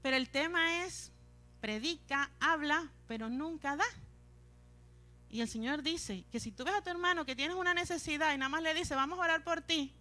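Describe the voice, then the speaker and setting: A woman preaching with a Colombian Caribbean Spanish accent, her voice high and clear. Her tone is bright and forward. She breaks into high, tearful imitations of pleading prayers. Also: moderate pace. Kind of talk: sermon.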